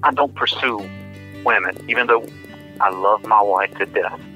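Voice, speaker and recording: A man's voice: on the low side, moderate pace, pushed and bright, faint music behind, rough recording. A man, earnestly telling a story in a casual, shy way. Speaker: interviewee, husband.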